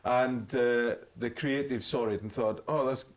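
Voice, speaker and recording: A man's voice: medium pitch, steady tone, unhurried. A man with a Welsh accent, a singer guesting on a chat show, telling stories with lots of laughter. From Wales. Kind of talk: anecdotal chat show storytelling.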